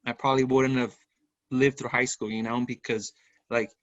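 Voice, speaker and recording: A man hosting a podcast, telling stories in a lively, casual way and swearing freely. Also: medium pitch, moderate pace, no echo, muffled recording. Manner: animated storyteller, swears freely. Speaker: podcast host. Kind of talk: casual chat.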